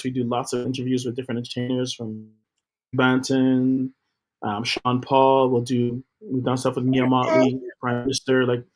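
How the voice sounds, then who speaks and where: A middle-aged man talks about his work as an interview guest in an upbeat, promotional way, with a few fillers along the way. His voice sits in a mid-range register. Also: medium pitch. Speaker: guest, TV co-founder. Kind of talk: interview talk.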